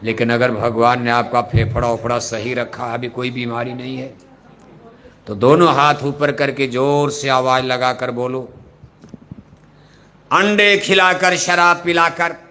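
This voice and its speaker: A man preaching a devotional sermon into a microphone, firing off rhetorical questions and leading the crowd in shouted call-and-response. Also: medium pitch, little pitch movement, measured pace. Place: open gathering before a large audience.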